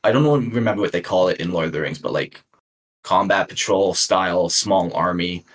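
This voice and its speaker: A man's voice: sits low, fairly quick. A man talking casually as a podcast guest, enthusiastic and rambling. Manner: enthusiastic, rambling hobby talk. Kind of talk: casual chat.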